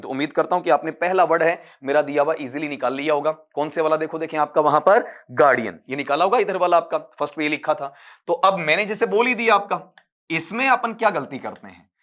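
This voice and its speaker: A man gives an exam-prep English lesson in a voice pitched somewhat high for a man. He explains step by step, quizzes his students and calls them beta. When he reads English sentences or spells out words, he slows right down. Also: fairly bright tone. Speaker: English teacher.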